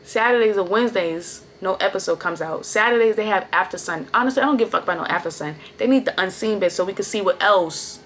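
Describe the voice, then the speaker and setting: A woman's voice: mid-range voice, quick pace, hardly any pauses, a bit bright, slight background noise. A woman ranting casually in a recap vlog, blunt and profane, circling back to the same points. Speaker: reality-show recap vlogger. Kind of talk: casual rant.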